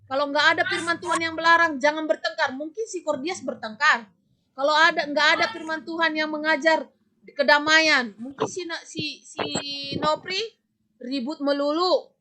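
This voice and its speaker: A woman religion teacher giving an online class to children, lively and scolding, sometimes acting out children's voices, on a video call. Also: sits high, moderate pace, slight background noise.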